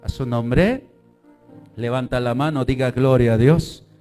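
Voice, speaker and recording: A male pastor preaching a fervent sermon, breaking into shouts and calling on the congregation to repeat words after him. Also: mid-range voice, unhurried, faint music behind.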